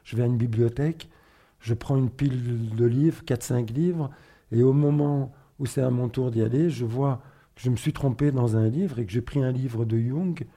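A middle-aged man from northern Spain, a guest in an interview, speaking reflectively and haltingly with fillers and restarts. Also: medium pitch, mellow. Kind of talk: personal testimony interview.

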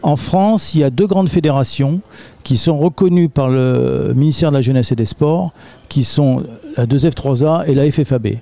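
A man's voice: mid-range voice, moderate pace, warm tone. A man, an aikido teacher, patiently explaining his martial art in a radio interview recorded in a community hall.

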